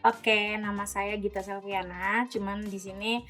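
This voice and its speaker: A woman's voice: medium pitch, level tone, a little slow, a bit bright. Woman, late twenties, volunteer tutor, casual hesitant interviewee, faint music under. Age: 20s. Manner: hesitant, many fillers.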